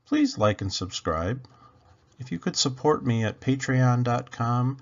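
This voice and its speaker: Reading a children's picture book aloud, a man uses a mid-range, expressive voice at a slightly slow pace, adding dramatic emphasis and questions for his listeners. He hosts a channel as a storyteller of picture books, and the audio sounds dull and lo-fi.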